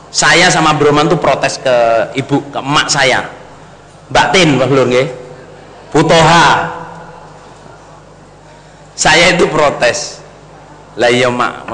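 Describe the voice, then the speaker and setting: Brief: middle-aged male preacher, high bright voice, telling a story to his congregation, echoing hall. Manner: addresses the congregation as brothers and sisters, mixes in Javanese. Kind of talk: storytelling sermon. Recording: long hall reverb, faint noise.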